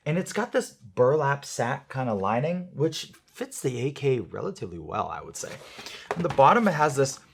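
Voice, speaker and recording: A man's voice: mid-range voice, fairly bright tone, husky. A man presenting an airsoft product review in a chatty, jokey way, talking straight to his viewers.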